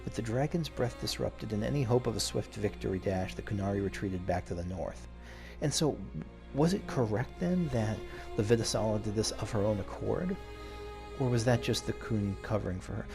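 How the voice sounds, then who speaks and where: His voice is on the low side and gravelly, moving at a normal speed as he plays through a video game. The man chats casually, thinks out loud and reads the on-screen story dramatically, with the game's music underneath.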